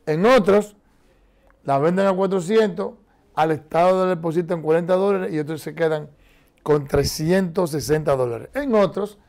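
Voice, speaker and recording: A man's voice: on the high side, normal speed, creaky. Emphatic middle-aged man in a TV studio. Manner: emphatic, animated, gestures a lot while talking. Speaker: political commentator. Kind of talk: heated studio debate.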